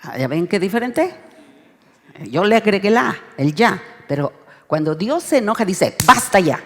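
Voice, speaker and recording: A woman's voice: mid-range voice, normal speed. Mexican woman teaching a Bible study. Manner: expressive, prompts the group to read along. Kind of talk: interactive Bible study lesson. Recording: reverberant hall sound.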